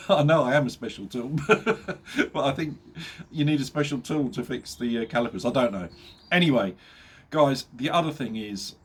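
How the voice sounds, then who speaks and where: A middle-aged motorbike vlogger, nasal from a cold, chats casually to camera in a husky, medium-pitched voice. He's chatty and jokey, laughs at his own jokes, and uses plenty of ums.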